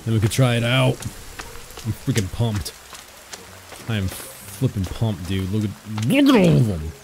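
A man's voice: normal speed, gravelly, slight background noise. A man hosting a gaming video, talking casually to himself and his viewers as he plays. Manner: chatty, talks to himself and the viewers while playing; gets loud and high when excited. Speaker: gaming channel host. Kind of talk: casual gameplay commentary. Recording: game music and rain sounds behind the voice.

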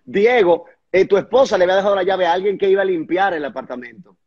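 A man with a somewhat high voice recounts a testimony in an earnest, conversational tone. He stammers and repeats small words at the hardest parts. The recording sounds muffled and lo-fi. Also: fast talker. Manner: stumbles and repeats words at hard moments. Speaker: pastor and guest recounting a testimony.

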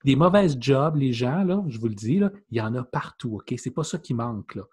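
A man's voice: mid-range voice, a little fast, husky. A man in his thirties with a Québécois French accent, giving opinionated commentary as a podcast co-host. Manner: animated, opinionated commentary, direct address to listeners. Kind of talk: casual podcast chat. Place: room with brick wall indoors. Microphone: over-ear headphones with webcam, video call.

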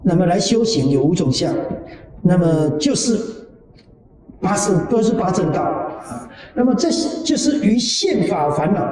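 Male monastic teacher, casual dharma talk, high animated delivery, dark mellow timbre, boomy distant hall sound. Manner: animated, repeats phrases, often ends lines with drawn-out particles. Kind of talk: conversational dharma talk with personal anecdotes. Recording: echoey hall, voice from far off the mic.

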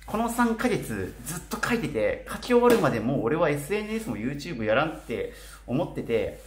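A male vlogger in his twenties from Kitakyushu, Japan talks casually to camera with animated intonation, his speech slightly slurred by a mouthguard-style aligner. His pitch is fairly high and his pace normal, with soft background music behind him. The camera is a short distance away in a small, bare apartment room, so the sound has a roomy echo and faint noise.

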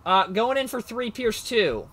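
A man's voice: extremely high pitch, animated, measured pace, fairly bright tone. A man casually narrating his moves in a card game match, rambling and self-mocking, often losing his train of thought. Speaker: card game player and commentator.

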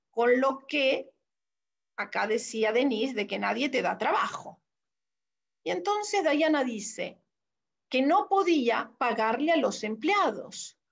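A woman with a Rioplatense accent lectures at an unhurried pace. Her voice sits a little high, with a gravelly, husky texture. She reads classroom exchanges aloud and keeps checking in with her listeners. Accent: Rioplatense Spanish. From Argentina. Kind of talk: academic lecture reading classroom transcripts.

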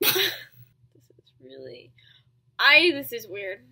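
A woman's voice: fairly high pitch, big pitch swings, slow, bright, forceful tone. A young woman hosting a vlog indoors, chatting casually with a giggly, playful manner. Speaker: vlogger host. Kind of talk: casual chat. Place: indoor room.

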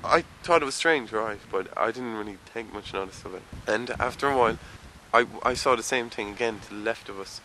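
A man's voice: on the low side, fairly quick, rough recording. A young man with a Kerry Irish accent, casually recalling something he witnessed. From Tralee, County Kerry, Ireland. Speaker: eyewitness interviewee. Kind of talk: casual recollection. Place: open hillside outdoors. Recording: loud outdoor ambient noise.

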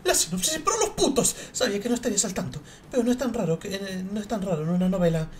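Guy doing a squeaky stuck-up young lady writer, shrill and snooty, faint hiss behind. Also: expressive, very fast. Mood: haughty. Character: gloomy, prickly young female novelist. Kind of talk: fan dub of a video game.

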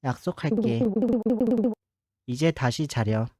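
A man reading the game lines of a tired, dismissive mother in a flat, slow manner. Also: mid-range voice, no echo, clean studio sound, faint music behind. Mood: soothing.

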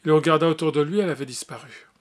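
A man's voice: a little high, rapid-fire. A man reading a classic adventure novel aloud, hesitant and often stumbling over fillers. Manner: hesitant, with frequent fillers and restarts. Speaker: audiobook reader.

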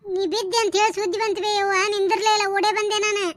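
Woman voicing shrill, sharp-tongued village gossips for a cartoon, North Karnataka Kannada accent, dry recording. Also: flat delivery, no room sound. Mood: bickering. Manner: quick scolding village banter, exclamatory. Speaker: voice of a cartoon series.

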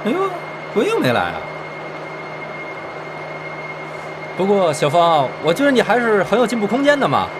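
A boastful engineer husband, smooth-talking, lively voice. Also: male voice, sits high, quick pace, noisy background. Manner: smooth-talking, pleading, indignant. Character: boastful philandering male engineer, self-justifying. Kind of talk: TV period drama acting.

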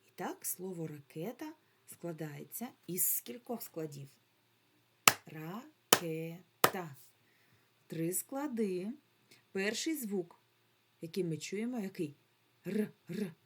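A woman's voice: fairly low pitch, a little mellow, breathy edge. A woman teaching a remote lesson to young children, drawing out sounds and syllables patiently, with a Ukrainian accent. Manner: slow, drawn-out syllables, patient, coaxing. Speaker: primary school teacher.

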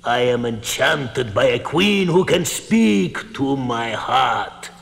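A man playing a stately king who speaks slowly and gravely, with a gravelly voice. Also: mid-range voice, animated, fairly bright tone, heavily acted. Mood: tender. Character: solemn older male king, grateful. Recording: echoey hall, music behind.

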